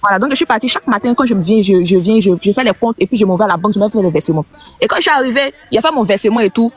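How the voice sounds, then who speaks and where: A woman speaks very fast as she recounts a story on a live audio chat, stumbling over some words. Faint music plays behind her voice. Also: mid-range voice, lively intonation, breathy edge. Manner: very fast, slightly halting. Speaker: participant sharing a story.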